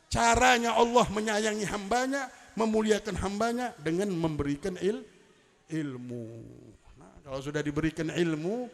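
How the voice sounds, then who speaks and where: A man preaches a religious lecture at a public celebration in a large event hall, his high, gravelly voice carrying big reverb. He speaks at normal speed in a storytelling style, with emphatic rising delivery and Arabic quotations.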